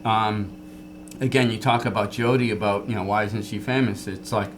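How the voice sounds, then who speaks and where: A man hosting a casual interview chat, chatty and asking quick questions between short agreements. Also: on the low side, fairly even intonation, slight background noise. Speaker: show host. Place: local TV studio.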